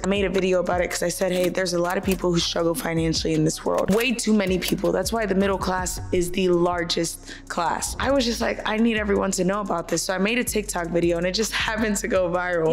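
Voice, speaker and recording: Young woman, earnest, lowish voice, handheld mic, faint music underneath. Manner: earnest, animated storytelling with hand gestures. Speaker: vlogger. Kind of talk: personal story and prayer to camera. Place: apartment living room at night, on a couch.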